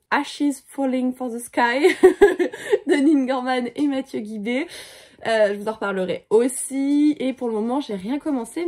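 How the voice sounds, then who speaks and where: A young woman chatting casually to her phone camera at home in a book vlog, playful and prone to excited squeals. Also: a little high. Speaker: book vlogger. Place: at home, indoors.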